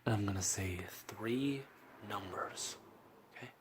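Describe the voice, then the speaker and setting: A man doing a gentle ASMR roleplay as a mock examiner, soft-spoken, slipping into whispers and giving slow, reassuring praise. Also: fairly low pitch, background noise.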